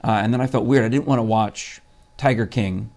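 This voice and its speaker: A man's voice: medium pitch, brisk, darkish tone. A man hosting a casual morning chat show, talking in a rambling, chatty way with lots of fillers and restarts. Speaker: show host.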